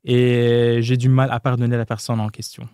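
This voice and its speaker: A man speaking French as a second language with a foreign accent, talking casually and candidly as a podcast guest, often pausing and rephrasing. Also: mid-range voice, little pitch movement, dark tone, smooth, no echo, studio quality. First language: not French. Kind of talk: casual, candid interview talk.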